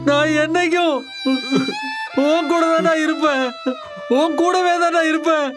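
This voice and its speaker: Dying loyal friend, faltering, tender, high voice, loud score. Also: male voice, flat delivery, over music. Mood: tender, grieving. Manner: slow, faltering farewell. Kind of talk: Tamil film dub.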